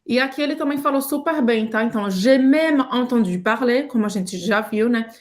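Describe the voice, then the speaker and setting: A woman, teaching French in a casual video lesson and explaining pronunciation patiently. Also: fairly high pitch. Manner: patient, explanatory, repeats sounds slowly.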